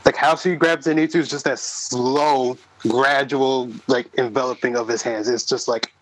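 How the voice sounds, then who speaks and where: A man's voice: medium pitch, fairly even intonation, normal speed, dry recording, poor audio. A man on a podcast panel who talks emphatically and swears to stress his points. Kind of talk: casual chat.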